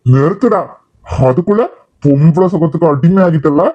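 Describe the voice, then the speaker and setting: A man voicing a domineering, contemptuous middle-aged father in an animated cartoon, harsh and scolding. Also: a little high, normal speed, muffled recording, natural voice. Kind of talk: cartoon voice acting.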